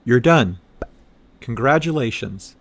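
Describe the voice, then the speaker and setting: A man narrating a scripted pronunciation drill in a measured, carefully enunciated way. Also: medium pitch, animated, gravelly.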